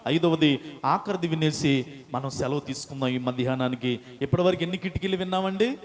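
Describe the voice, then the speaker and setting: A man's voice: on the high side, a little fast, big-room sound. A male pastor preaching a call-and-response sermon, rousing the congregation to repeat after him.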